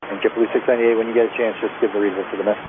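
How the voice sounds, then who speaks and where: A man's voice: fairly low pitch, flat delivery, very fast. A man working as an air traffic controller, giving terse, procedural instructions over aviation radio. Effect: aviation radio transmission. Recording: tinny radio link, clear static noise.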